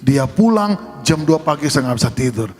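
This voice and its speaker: Male preacher, middle-aged, storytelling sermon, humorous, somewhat high voice, soft music behind. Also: lively intonation, moderate pace. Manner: humorous, conversational, addresses the congregation.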